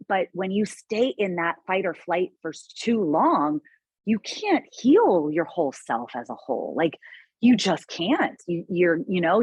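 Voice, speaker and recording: A woman's voice: on the low side, slightly rough, no room sound, dull audio. A woman guest in a casual interview, speaking earnestly and reflectively with frequent restarts.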